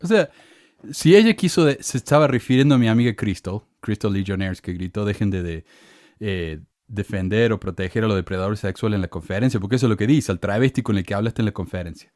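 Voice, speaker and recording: Expressive and quick, his voice a little mellow, this middle-aged man from Córdoba, Argentina, speaks Cordoba-accented Spanish as a podcast host. He reads hostile comments with sarcastic indignation, his pitch going up as he rants. There's no room sound, and the audio is studio quality.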